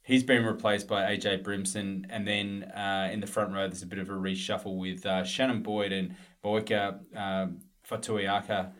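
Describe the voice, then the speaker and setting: A man's voice: fairly low pitch, little pitch movement, moderate pace, fairly bright tone. A male podcast co-host in casual sports chat, rambling through team news with plenty of fillers.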